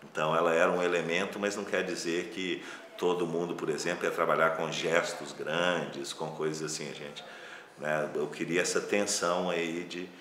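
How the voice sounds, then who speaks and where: A man's voice: low-pitched, steady tone, normal speed, fairly bright tone. A man with a Brazilian accent speaking casually and reflectively as a film director in an interview, with loosely phrased asides. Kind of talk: casual interview talk about his filmmaking. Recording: roomy echo, faint background noise.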